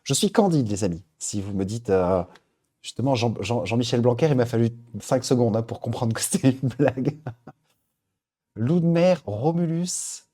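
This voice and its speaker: A man's voice: medium pitch, lively intonation, normal speed, mellow. A man hosting a live stream, chatting casually as he reads out viewer suggestions. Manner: upbeat, chatty, thinking aloud. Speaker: livestream host.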